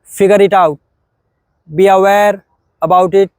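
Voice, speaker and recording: Slow, calm man guiding breathing. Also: high-pitched, no echo. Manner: slow, calm, short phrases with long pauses. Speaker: yoga teacher. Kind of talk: guided breathing meditation.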